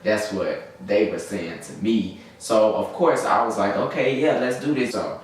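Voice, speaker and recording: A young adult from Birmingham, Alabama, vlogs a casual story to camera, his Southern accent wrapped in slang as he rambles and gets distracted. He speaks on the low side and takes his time. The recording has faint noise, a distant mic, and a very echoey room.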